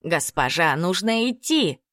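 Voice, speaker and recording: Brief: worried female servant in an audiobook, read by a woman, halting speech, lowish voice. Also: sing-song, fairly bright tone, no echo, clean studio sound. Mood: urgent. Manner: pleading, broken grammar.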